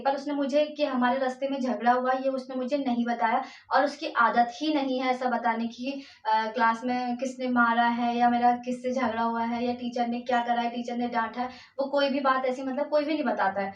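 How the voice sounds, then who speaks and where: A woman's voice: fairly high pitch, steady tone, brisk, few pauses. A woman vlogger and mother telling a personal story at home, emotional and rambling, with many fillers and restarts. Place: room at home. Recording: echoey, distant, dull lo-fi sound.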